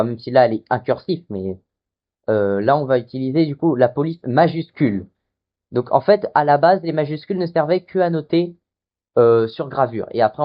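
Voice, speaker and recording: Male teacher, casual lesson delivery, halting step-by-step explaining, dull lo-fi mic. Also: medium pitch. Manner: explains step by step, with many fillers and restarts. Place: hot room with a fan running. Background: fan noise masked.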